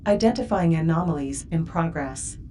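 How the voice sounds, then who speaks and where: A woman voicing a malfunctioning computer system, with a glitchy robotic voice announcing alerts and errors in a flat tone. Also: low voice, normal speed, distant mic. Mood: alarmed. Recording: played under loud intro music.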